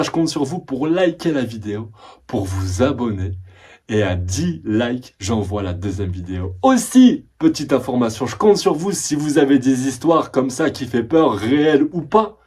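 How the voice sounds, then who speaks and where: Animated young man telling a scary story. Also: medium pitch, breathy edge. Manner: animated, dramatic retelling with rising excitement. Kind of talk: casual storytelling to camera.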